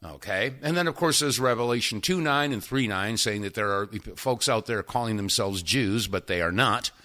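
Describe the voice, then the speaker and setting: A male talk radio host giving commentary, interjecting and pausing clips as he goes. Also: on the low side, bright, forceful tone.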